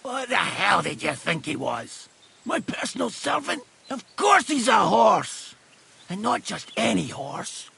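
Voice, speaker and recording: A gravelly, hurt woodsman. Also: sits high, very animated, a little slow, pushed and bright, full character voice. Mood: worried, sharp. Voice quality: gravelly, raspy. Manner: blunt, curses, barks orders. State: hurt and short of breath. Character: injured male woodsman, blunt and bossy. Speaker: video game character.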